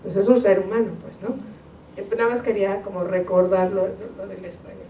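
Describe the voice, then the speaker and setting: A woman's voice: mid-range voice, steady tone, fairly quick, mellow. A woman speaking in a spontaneous academic discussion, hesitant with many restarts and tag questions. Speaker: university panelist. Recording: echoey room, distant mic, faint noise.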